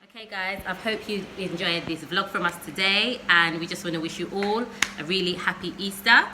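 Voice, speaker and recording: A woman's voice: lowish voice, normal speed, echoey room, over loud music. A woman chatting casually to her viewers as a vlogger. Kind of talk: casual vlog chat to viewers. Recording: noisy home video, frying sizzle. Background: food frying and sizzling.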